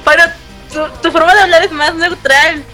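A woman's voice: very high voice, fairly even intonation, moderate pace, over music. A woman guest on a podcast, chatting in a playful, affectionate way. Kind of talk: casual chat.

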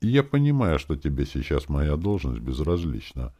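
A man's voice: extremely low pitch, big pitch swings, moderate pace, warm tone, full character voice. A man reading an audiobook, voicing a cautious, businesslike young woman who works as a guild clerk. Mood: haggling.

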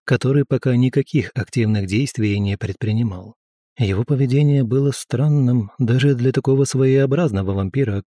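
A man narrating an audiobook in the first person with a steady, measured reading. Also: medium pitch, no room sound, clean studio sound.

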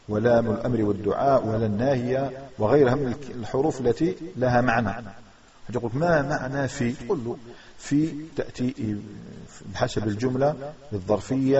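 A man's voice: mid-range voice, darkish tone. A man with a Maghrebi Arabic accent teaching a religious grammar lesson, methodically repeating rules and posing questions to the class. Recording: distant dull recording with a crowd audible.

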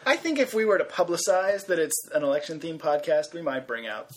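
Slightly high guy on a home podcast, teasing his friend, faint hiss and clicks behind him. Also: expressive, a little fast. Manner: teasing, reads out the facts. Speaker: podcast co-host. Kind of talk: casual podcast chat.

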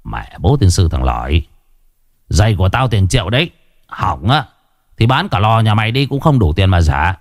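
A man's voice: fairly low pitch, sing-song, moderate pace, no echo, studio quality. A man voicing an arrogant, swaggering rich man who swears and mocks in a coarse way. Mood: contemptuous.

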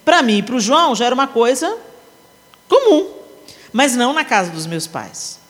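Brazilian woman preacher, high, animated storyteller, reverberant hall. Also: normal speed. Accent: Brazilian Portuguese. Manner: animated, acts out family scenes with shifting voices. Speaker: preacher at a women's conference. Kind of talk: sermon with humorous storytelling. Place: large conference hall.

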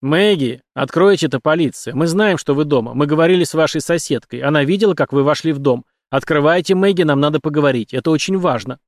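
Narrator playing a loud commanding detective, forceful, dry close sound. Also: male voice, high voice, lively intonation, fairly quick, dry recording, voice pushed up. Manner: loud, commanding, shouting through a door. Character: insistent male police detective.

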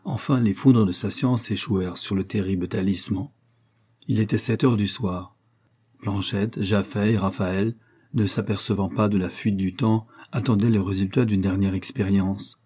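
Male audiobook narrator, steady measured reading, low voice, husky.

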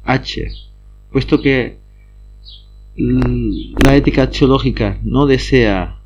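Man, reading study notes aloud, mid-pitched voice, stumbles and restarts, slightly dull recording. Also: darkish tone, slight background noise. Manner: reads steadily with frequent slips and restarts.

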